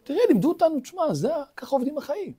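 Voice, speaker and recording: A rabbi gives a weekly Torah lesson in a study hall, speaking in a very high, very animated voice with a dark tone. He asks rhetorical questions, acts out quoted speech, and talks directly to his listeners.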